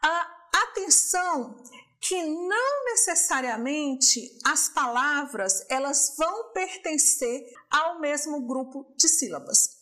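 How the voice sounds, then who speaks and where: A woman with a Brazilian Portuguese accent and a high, sing-song, sharp voice teaches a distance-learning lesson on poetic meter. She goes slowly and deliberately, explaining each step.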